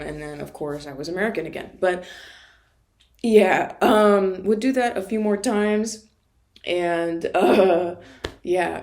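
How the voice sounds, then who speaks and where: Woman rambling thru an old story, swears a lot, laughs at herself, kinda low and gravelly. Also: darkish tone. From Florida. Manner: rambling, profane, self-mocking, laughs often. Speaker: vlogger. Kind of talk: casual storytelling monologue.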